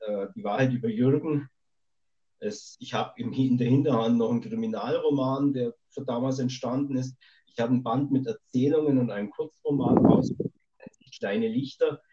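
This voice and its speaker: Over a remote satellite call line that sounds dull and lo-fi, a male author answers questions in a remote podcast interview. His mid-range voice is warm and moves at normal speed, and his talk is rambling and thoughtful, full of hesitations.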